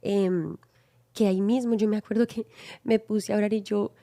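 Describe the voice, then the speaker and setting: This woman shares a personal testimony in an earnest, reflective way. Her voice is mellow and warm and sits at a middle pitch. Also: fairly even intonation, moderate pace, gravelly. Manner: earnest, reflective, recounts a dream. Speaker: guest.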